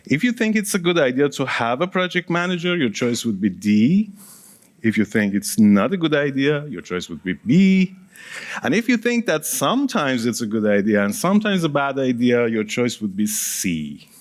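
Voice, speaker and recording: This conference speaker, a man whose native language is Persian, keeps things casual and engaging by quizzing the audience and tallying hands, with small laughs and asides. He speaks in a mid-range voice that is very animated yet unhurried.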